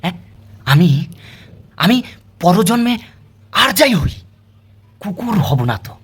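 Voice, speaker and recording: Here the comedian's grumbling street dog turns into a mournful lament, taken slowly and heavily acted. The man's husky voice still swoops up and down in pitch, and the sarcastic, aggrieved dog frames each complaint as a pointed rhetorical question.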